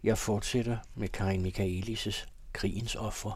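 A man reading a literary text aloud on the radio at a measured, even pace, then presenting the next item. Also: fairly low pitch, slightly rough, no room sound.

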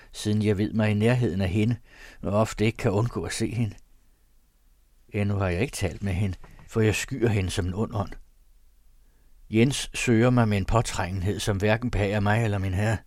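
A man reads an old diary aloud in a low, solemn voice, with a mournful manner. The recording is dry and close, with no room sound. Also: darkish tone, no echo. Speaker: narrator. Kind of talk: scripted reading of a period diary.

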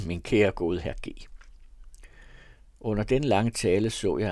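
A man's voice: fairly low pitch, darkish tone, dry recording, studio quality. Man reading a classic novel aloud. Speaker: reader.

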